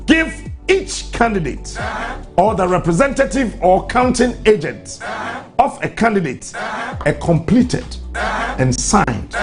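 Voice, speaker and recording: A man with a Ghanaian accent, hosting a live radio show, reading out and explaining formal text in a deliberate way, repeating phrases for emphasis. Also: sits high. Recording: music behind the voice. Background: music.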